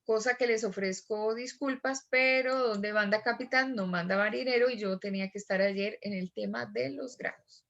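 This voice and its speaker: A woman's voice: on the high side, steady tone, fairly bright tone, highs cut off. Woman teaching an online class. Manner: explains step by step, repeats examples slowly.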